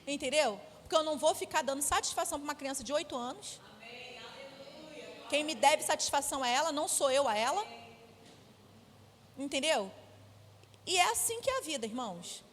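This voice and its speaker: A woman's voice: sits high, fairly bright tone, slight background noise. A woman with a Brazilian Portuguese accent, preaching a sermon in a firm, emphatic, conversational way. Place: church sanctuary. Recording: echoey church hall.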